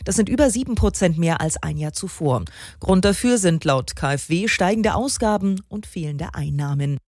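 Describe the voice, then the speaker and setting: Female radio newsreader, low and steady, dry studio sound. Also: no echo. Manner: even, measured delivery. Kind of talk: scripted radio news reading.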